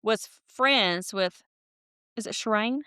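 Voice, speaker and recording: A woman's voice: medium pitch, slow, pushed and bright, smooth, no echo, clean studio sound. A woman co-hosting a podcast, chatting casually and laughing often as she tells stories. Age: older than her co-host. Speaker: podcast co-host. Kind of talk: casual chat.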